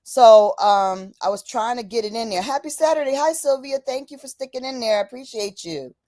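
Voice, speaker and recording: A woman hosts a livestream, speaking casually yet passionately, repeating phrases for emphasis and calling out to "y'all" amid many fillers. Her voice is a little high, expressive, fairly quick and dark-toned, recorded dry with clean studio sound.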